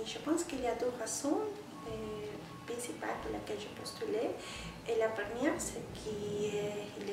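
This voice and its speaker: Peruvian woman, volunteer lawyer, hesitant and careful; distant mic, big echo. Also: mid-range voice. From Peru. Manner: searching for words, hesitant. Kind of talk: interview answers. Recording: echoey room, far from mic, noisy.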